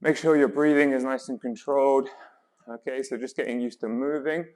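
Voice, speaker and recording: A man's voice: mid-range voice, fairly even intonation, normal speed, darkish tone. A man leading guided exercise as a workout instructor, coaching in an encouraging, reassuring way with counts and cues. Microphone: worn mic while exercising.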